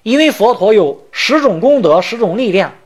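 A man lectures on a sutra as a Buddhist teacher, explaining terms one point at a time and chanting the verse lines slowly. His voice is high-pitched, sing-song and slightly rough.

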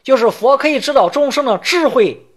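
A man teaching as a Buddhist teacher in a sutra lecture, explaining terms point by point and chanting the verse lines slowly. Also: very high voice, expressive.

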